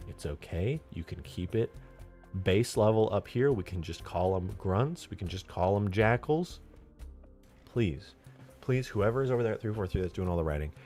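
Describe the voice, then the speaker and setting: Streaming from home, a young man with a medium-pitched voice rants in casual chat, swinging between mutters and loud outbursts and cursing a lot.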